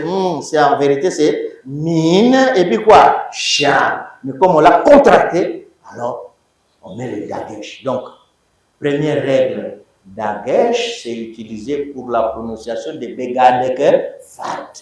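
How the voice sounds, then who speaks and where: A man's voice: a little high, a little mellow. A man teaching a university class, repeating key words and quizzing his students. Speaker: Biblical Hebrew lecturer. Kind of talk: university lecture. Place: university lecture hall. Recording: roomy echoing hall, voice from far off.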